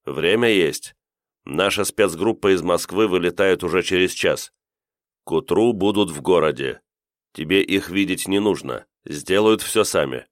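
A man reading an audiobook, voicing a gruff, irritated male KGB chairman who gives curt, commanding orders over the phone. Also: deep voice, unhurried, no room sound, studio quality. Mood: stern. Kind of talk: audiobook character voice.

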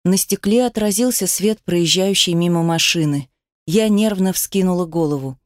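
A woman's voice: lowish voice, moderate pace, no echo. A woman reading a dramatic first-person audiobook, telling it with tense emotion on a close mic. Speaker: narrator.

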